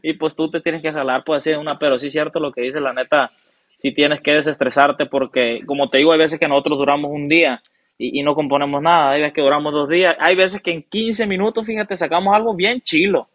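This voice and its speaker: Young male musician, higher voice, dry sound, loose slangy chat. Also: a little fast, dry recording. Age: young adult. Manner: relaxed, slangy storytelling with many fillers. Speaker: guest musician. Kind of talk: casual interview chat.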